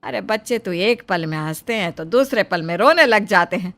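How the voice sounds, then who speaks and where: A woman voicing a stubborn, bossy older mother-in-law in a cartoon story, talking loudly and dismissively. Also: medium pitch, animated, normal speed. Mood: scolding. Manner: loud, scolding, dismissive.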